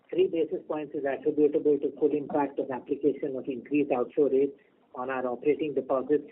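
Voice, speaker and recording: A man, a bank executive reading prepared earnings remarks over a conference call, measured and steady through lists of figures. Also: mid-range voice. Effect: conference call over a phone line. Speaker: bank executive presenting results. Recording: tinny phone line with faint noise.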